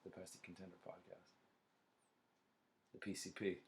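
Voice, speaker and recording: Male podcast host, lowish voice, blunt and profane in casual chat. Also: monotone, moderate pace, a little mellow, slight background noise.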